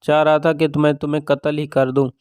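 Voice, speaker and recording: A man's voice: on the high side, little pitch movement, darkish tone, clean tone, no echo, lightly acted. A man reading a fierce young wife's lines plainly inside his drama narration. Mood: defiant. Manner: read plainly within narration. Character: young wife, proud and fierce.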